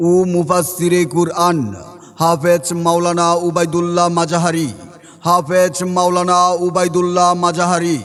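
A man calls out a formal event announcement as if through a loudspeaker. His voice sits slightly high and stays in a strikingly flat, chant-like line. A long reverb trails every phrase, and faint music plays underneath. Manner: slow, formal and drawn out, like a loudspeaker caller.

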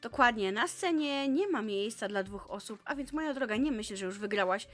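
A woman's voice: fairly high pitch, expressive, moderate pace, lightly acted. A woman reading the lines of a vain, scheming teenage pop singer from a visual novel, in a haughty, scornful tone. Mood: cold.

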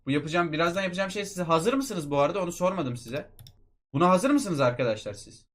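A young man giving excited commentary on a mobile football game, talking to his viewers like friends. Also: high-pitched, fast.

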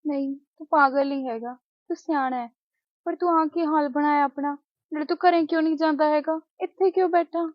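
A young woman plays a stubborn village girl, sharp and scolding. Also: sits high, steady tone, brisk, dry recording, lightly acted. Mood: tender. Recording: dull lo-fi sound.

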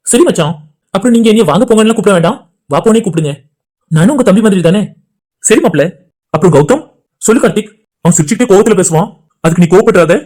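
A man's voice: high-pitched, darkish tone. A man voicing friends in casual banter for a home-made cartoon. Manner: rapid, chatty everyday banter between friends. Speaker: cartoon channel creator voicing all characters. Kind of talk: cartoon dialogue voice acting.

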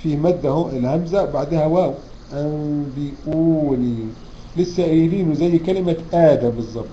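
Egyptian man as an online recitation teacher; dark, warm tone, slow drawn-out verse reading, muffled recording. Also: on the high side. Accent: Egyptian Arabic. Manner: poses quiz questions to students and answers them. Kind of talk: online tajweed lecture. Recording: dull lo-fi online class recording, faint hiss.

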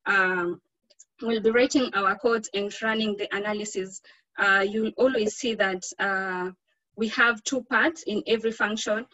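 A woman with a Kenyan accent explains software step by step as an instructor, informally and a little hesitantly. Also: mid-range voice, dry recording, rough recording.

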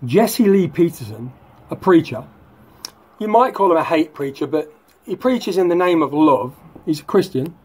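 A man's voice: on the high side, expressive, normal speed, darkish tone, slightly rough. A man hosting a casual vlog, talking in a mocking, sardonic way. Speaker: YouTube host.

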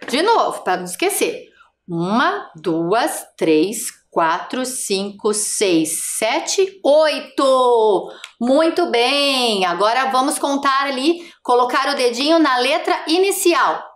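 A woman with a Brazilian Portuguese accent teaching a televised first-grade lesson. Her fairly high voice rises and falls in a lively sing-song as she patiently guides small children, speaking slowly. The room sounds echoey. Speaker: primary school teacher.

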